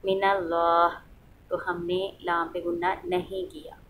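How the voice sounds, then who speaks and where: A woman's voice: mid-range voice, fairly even intonation, a little slow, a little hiss or hum, poor audio. A woman teaching the rules of Quran recitation, patiently asking questions and then answering them, and reciting examples aloud to show how they sound. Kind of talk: explaining a lesson.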